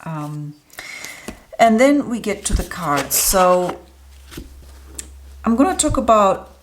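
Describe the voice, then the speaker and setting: A woman's voice: mid-range voice, sing-song, slow, slight background noise. A woman talking casually and chattily to her viewers as she reviews an oracle card deck, with frequent ums. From Australia. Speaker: tarot reader and deck reviewer. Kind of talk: casual solo review talk.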